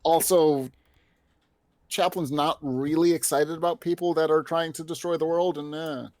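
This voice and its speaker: A man playing a tabletop role-playing game, speaking in measured, polite tones as his cleric character. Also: a little high, steady tone, darkish tone, dry recording. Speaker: player.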